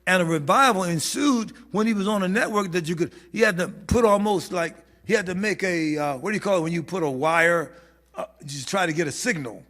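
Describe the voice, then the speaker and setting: A man preaching as a bishop at a church prayer meeting, animated and laughing, sometimes rising to shouts. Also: sits high, fairly quick. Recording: hall reverb.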